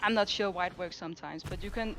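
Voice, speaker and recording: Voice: mid-range voice, quick pace, noisy background. A speedrunner talking casually through their own run on livestream headset audio, explaining tricks with small fillers. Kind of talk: live speedrun commentary. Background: loud game music.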